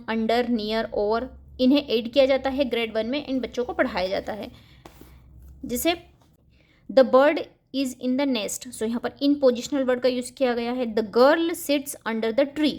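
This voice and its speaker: A woman hosting a home-schooling channel, explaining a first-grade English syllabus to parents and reading example sentences out slowly. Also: a little high, darkish tone. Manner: mixes Hindi with English words, reads example sentences slowly.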